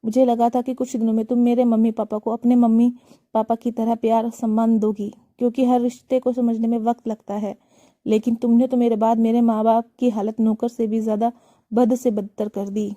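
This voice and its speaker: A woman voicing a grown son who shouts at his wife in anger for mistreating his parents. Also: on the high side, flat delivery, moderate pace, no room sound, studio quality, close to an everyday voice. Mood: furious.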